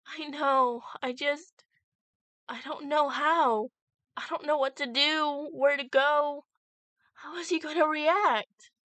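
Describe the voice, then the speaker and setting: A woman's voice: high-pitched, steady tone, pushed and bright, no room sound, voice pushed up, exaggerated voice. Woman reading as a heartbroken young woman. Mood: shaky, upset. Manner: halting, stammering delivery.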